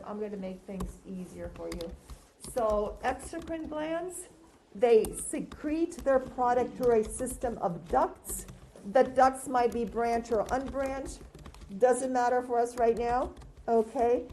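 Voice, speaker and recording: In a roomy, echoing space with some background noise, a woman teaches a class through a face mask. Her voice sits a little high and sounds slightly muffled. She lectures conversationally, often asking a question and then answering it herself. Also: slow pace, mellow. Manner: conversational, quizzing listeners with questions and answering them. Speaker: lecturer teaching anatomy and histology. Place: lecture room, recorded as audio.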